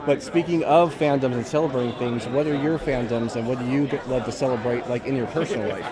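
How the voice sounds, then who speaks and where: Male red carpet interviewer, quick and courteous, mid pitch, dense crowd noise around him. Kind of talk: casual interview. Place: awards red carpet, public venue. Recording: loud crowd in public space.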